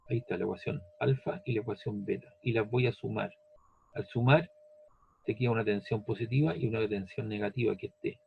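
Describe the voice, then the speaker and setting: The audio is dull, and the man's medium-pitched voice is gravelly with a breathy edge. He guides a student through a physics lesson step by step, patiently repeating each stage and asking "¿ves?" and "¿cierto?" to confirm understanding.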